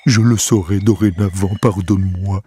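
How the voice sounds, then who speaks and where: A man's voice: low-pitched, fairly even intonation, moderate pace, mellow, husky. A man voicing a big, clumsy male donkey who is touchy and loves bursting into silly songs. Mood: meek. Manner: sing-song, bursts into silly songs and chuckles. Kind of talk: storybook acting over music. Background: music.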